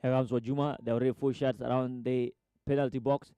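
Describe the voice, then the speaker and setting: A man's voice: mid-range voice, little pitch movement, fairly quick, warm tone, smooth, no room sound. A man giving live football play-by-play, repeating player names and rising sharply at chances. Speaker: football commentator. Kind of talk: live match commentary.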